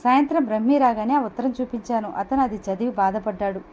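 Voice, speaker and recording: A woman narrating an audio novel in the first person with an expressive, emotional reading. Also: a little high, fast talker. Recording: dull lo-fi with faint hiss.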